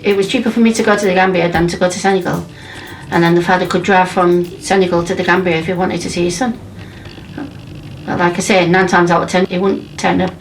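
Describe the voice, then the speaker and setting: A woman's voice: fairly low pitch, level tone, quick pace, soft background music. A woman in her fifties from England, telling her story bluntly and emphatically in a documentary interview. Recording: distant mic with faint background ambience.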